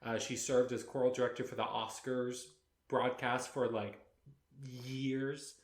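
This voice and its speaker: A man co-hosting a podcast, talking in a loose, rambling way full of fillers. His voice sits at a middling pitch. It is recorded in a room with noticeable echo. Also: level tone, a little slow. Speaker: podcast co-host. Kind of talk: casual chat. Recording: echoey room.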